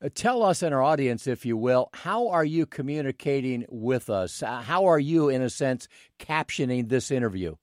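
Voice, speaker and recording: A man's voice: medium pitch, animated, normal speed, few pauses, dry recording, clean studio sound. An American man co-hosting a show, presenting and interviewing in a broadcast style. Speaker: show co-host.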